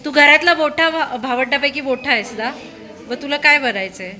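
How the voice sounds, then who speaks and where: A woman's voice: high voice, moderate pace, sharp tone. A woman questioning a class of schoolchildren in a school room, prodding them with repeated, coaxing questions.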